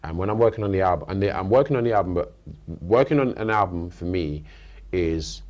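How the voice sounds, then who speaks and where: Deep-voiced British man in interview. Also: expressive, fairly quick, darkish tone. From United Kingdom. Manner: thoughtful, rambling with restarts. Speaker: interview guest, rapper. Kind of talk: casual interview chat. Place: radio studio.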